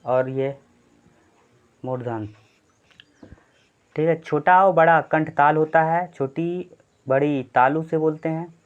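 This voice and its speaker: Man teaching Hindi grammar, slightly raised pitch. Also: slow, long pauses, clean tone. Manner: explanatory, repetitive, frequent "thik hai" check-ins. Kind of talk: exam-prep Hindi grammar lesson. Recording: slightly dull lo-fi sound.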